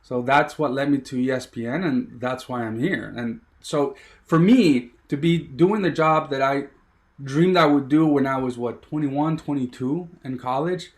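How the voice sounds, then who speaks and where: Speaking at a measured pace in a mid-range voice, a thirtysomething sports producer from Miami, USA, eagerly recounts his story as an interview guest, wandering off track and leaning heavily on "you know."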